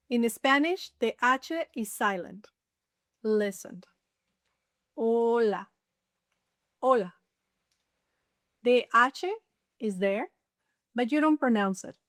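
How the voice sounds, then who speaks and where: A woman teaching a beginner Spanish lesson, saying each word slowly and clearly and repeating it. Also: fairly high pitch, dry recording, studio quality. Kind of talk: slow scripted language lesson.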